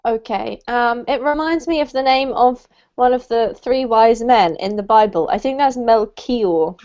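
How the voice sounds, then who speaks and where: Her voice is high and somewhat dark, and she keeps a measured pace while cheerfully running a relaxed online lesson from her New Zealand home. The British teacher laughs a lot and calls students by name. Sound comes through a dull, lo-fi video call.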